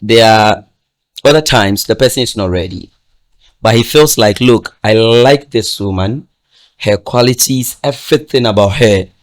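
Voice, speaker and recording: A man's voice: lowish voice, unhurried. A man giving advice in a casual podcast discussion, emphatic and repetitive, checking that listeners follow him. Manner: emphatic, repeats "do you understand?", laughs often.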